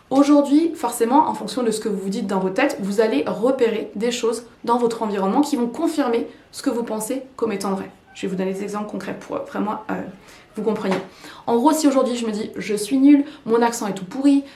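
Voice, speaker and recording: Young woman, coaching to camera, higher voice, chatty with fillers, roomy echo. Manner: lively, repetitive, many fillers. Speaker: English teacher and YouTuber. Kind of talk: casual coaching talk to camera. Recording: echoey room.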